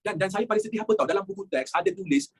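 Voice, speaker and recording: Animated husky Malaysian male teacher. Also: high voice, very fast. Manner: animated, mixes English phrases, acts out quotes. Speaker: history teacher. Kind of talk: classroom history lesson.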